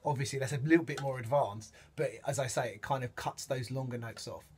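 A man's voice: mid-range voice, a little fast, over loud music. A man teaching samba percussion, counting beats and singing the rhythms aloud as he demonstrates. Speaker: music teacher. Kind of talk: instrument demonstration lesson. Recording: loud drumming behind the voice.

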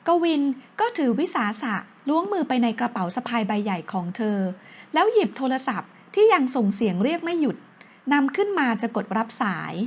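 A woman narrates a romance novel with a steady storytelling delivery. Her voice is high-pitched. The recording sounds dull and lo-fi.

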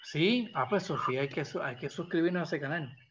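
A man's voice: fairly high pitch, expressive, a little fast, fairly bright tone. A man hosting a live drawing stream, affectionate and encouraging, reading chat messages aloud, with dull lo-fi audio. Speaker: host of a live drawing show.

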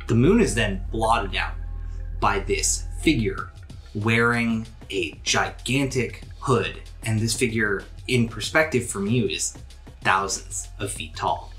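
A man serving as game master and podcast host narrates scenes from a tabletop role-playing game and chats casually with his players. His voice is fairly low and a bit bright.

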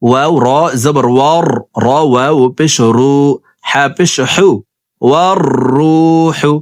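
A man teaching scripture reading who spells out each word, then chants it in a slow, drawn-out way between brisk explanations to his viewers. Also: on the high side, no echo, clean studio sound. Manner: addresses viewers directly. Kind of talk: spelling-out recitation lesson.

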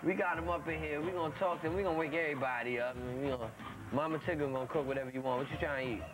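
Teasing male host over loud music. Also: fairly high pitch, rapid-fire. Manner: teasing, laughs often. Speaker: TV show host. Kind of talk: casual chat. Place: basement lounge with sofas and pool table. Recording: loud music behind on a camcorder tape.

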